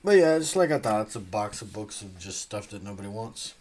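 A man's voice: on the low side, very animated, brisk, a little mellow. A man casually unboxing comics, rambling, trailing off and swearing offhandedly. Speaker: comic unboxing channel host.

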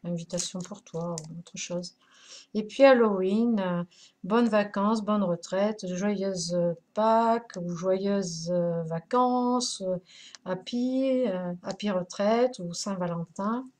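A woman's voice: medium pitch, slow, a little mellow. A woman hosting a craft live stream, chatting casually, greeting viewers by name with many hesitations.

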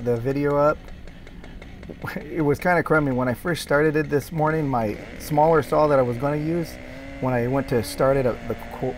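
A man's voice: mid-range voice, a little mellow, slight background noise. A middle-aged man giving casual, explanatory voice-over commentary on his own work video, with frequent fillers and restarts. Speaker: tree care worker explaining his video.

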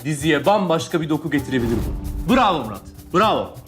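A man's voice: fairly high pitch, very animated, a little fast, soft background music. A man playing a director at an audition in a sitcom, giving bossy, pushy instructions. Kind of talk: sitcom acting.

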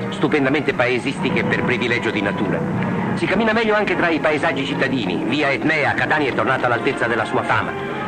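1950s newsreel man over loud music. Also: mid-range voice, rough recording. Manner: declamatory, formal. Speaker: newsreel narrator. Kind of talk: scripted 1950s newsreel narration. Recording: old film soundtrack with loud music.

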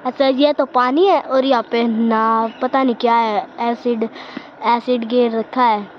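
A woman's voice: a little high, fairly even intonation, unhurried, highs cut off, slight background noise. A woman vlogging casually outdoors with her phone, chatty and always telling viewers to look. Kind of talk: casual walking vlog. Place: outdoors in a village around home. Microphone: phone held while walking.

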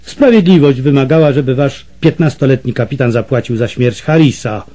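A man's voice: medium pitch, a little fast, dark tone, close to an everyday voice. A man voicing a scheming, mocking Portuguese slave trader in an audiobook, speaking with menace and scorn. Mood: sneering, menacing. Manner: sneering and menacing.

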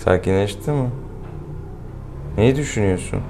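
A man working as a vet, chatting casually and slipping into high baby talk with a cat at his clinic. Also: lively intonation, moderate pace, noisy background. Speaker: veterinarian. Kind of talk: casual talk with a pet owner. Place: indoors, at a vet's clinic.

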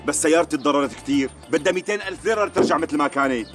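An actor playing an angry driver hit in a crash, with a Syrian accent, hurling insults and complaints in a TV comedy sketch. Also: male voice, fairly high pitch, expressive, rapid-fire, music in the background, lightly acted. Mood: complaining. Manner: shouting insults, exasperated.

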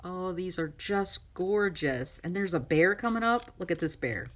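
A middle-aged woman crafting vlogger gushing excitedly over a mail swap, chatty and full of fillers. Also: lowish voice, a little slow. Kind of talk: casual unboxing chat. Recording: noisy room with crinkling and clicks.

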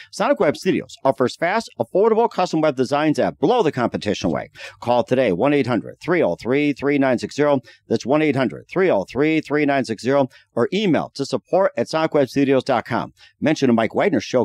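A man's voice: medium pitch, a little mellow, no room sound, clean studio sound. A man hosting a podcast interview, enthusiastic and exclaiming often, and reading sponsor spots. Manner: enthusiastic, frequent "oh my goodness" exclamations. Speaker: podcast host. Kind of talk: casual interview and read ad spots.

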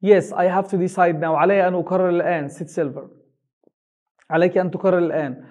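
An English teacher with an Egyptian Arabic accent, who reads a story slowly in English and translates each line quickly into colloquial Arabic. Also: male voice, sits high, steady tone, a little mellow, dull audio. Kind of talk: reading an English reader aloud line by line and translating it.

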